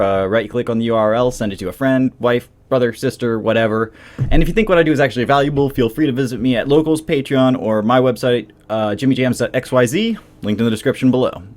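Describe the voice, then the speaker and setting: A man hosting a political commentary show, delivering a scripted monologue with sarcastic, mocking asides. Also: mid-range voice.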